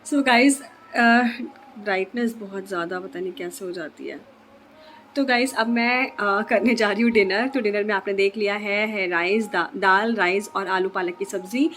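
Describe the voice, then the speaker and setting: A woman's voice: mid-range voice, fairly even intonation, moderate pace, a bit bright, a little hiss or hum. A woman vlogger chatting casually to her viewers, easygoing and thinking aloud as she talks. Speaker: lifestyle vlogger. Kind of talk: casual chat to camera.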